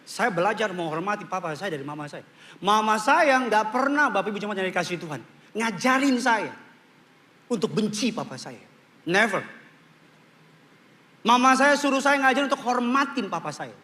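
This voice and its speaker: Bright-voiced, lively preaching man. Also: sits high, moderate pace, pauses often. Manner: humorous, animated preaching with English phrases mixed in. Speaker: pastor. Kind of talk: sermon. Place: church before a congregation.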